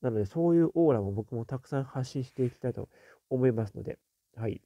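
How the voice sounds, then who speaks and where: Guy on a chill livestream reading out comments, deep mellow tone, super dry mic. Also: expressive, fast talker, no echo, muffled recording. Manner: reads viewer comments aloud, then muses with soft "un" fillers. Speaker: host reading viewer comments. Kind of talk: casual live-stream chat.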